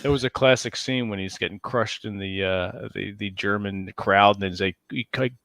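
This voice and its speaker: A man's voice: fairly low pitch, fairly even intonation, moderate pace, gravelly, a bit bright, no room sound. A man co-hosting a casual podcast chat, loose and profane, laughing along with his friend. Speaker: podcast co-host.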